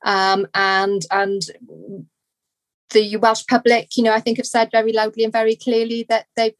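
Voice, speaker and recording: A woman's voice: fairly high pitch, little pitch movement, normal speed, dry recording. A woman, speaking conversationally as a guest on a panel, feeling her way through her phrases. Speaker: podcast guest, national director of a social work body.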